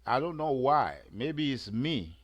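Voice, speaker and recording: A man hosting a talk show, giving casual commentary at an unhurried pace with lots of fillers. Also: mid-range voice, big pitch swings, lo-fi sound. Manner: slow, filler-heavy, rising emphasis. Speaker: host.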